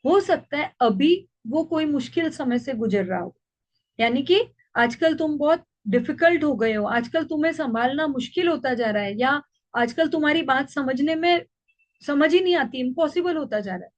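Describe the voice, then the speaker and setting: High-voiced woman coaching parents calmly. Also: moderate pace. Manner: calm, patient, explains with worked examples. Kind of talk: teaching a parenting class. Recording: dull lo-fi recording.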